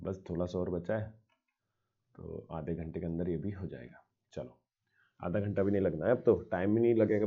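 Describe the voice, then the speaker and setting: A male teacher gives a relaxed, informal lecture. He keeps asking quick questions and answering them himself. His somewhat low voice sounds thin and tinny, as if heard over a phone. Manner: conversational, asks and answers his own questions. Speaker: commerce teacher.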